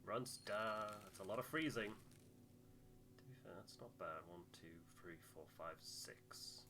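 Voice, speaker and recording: While playing a video game, a man mutters and thinks aloud through his choices in casual commentary on his playthrough. His voice is on the low side with lively intonation and a slightly slow pace.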